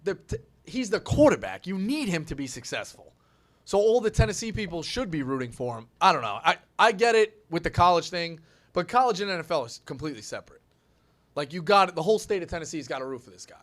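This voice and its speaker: Chatty, higher-pitched sports talk host. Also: male voice, quick pace. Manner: animated, storytelling, acts out quotes. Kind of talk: casual sports radio chat.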